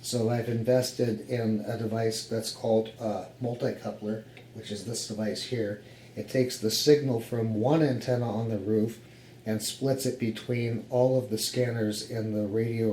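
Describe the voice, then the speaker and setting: A hobbyist radio operator with an American accent casually walks through the equipment in his home office radio room, explaining his setup. His voice is medium-pitched with a darkish tone. The indoor recording has a roomy echo and faint background noise.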